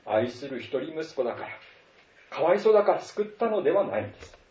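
A man's voice: on the high side, big pitch swings, quick pace, darkish tone. Earnest male pastor preaching in a roomy hall. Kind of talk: sermon. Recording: roomy, distant, dull sound.

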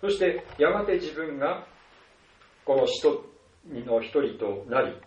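A male pastor preaching a sermon at a measured pace, with many soft filler words between phrases. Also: on the high side, lively intonation. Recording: distant, roomy, dull lo-fi sound.

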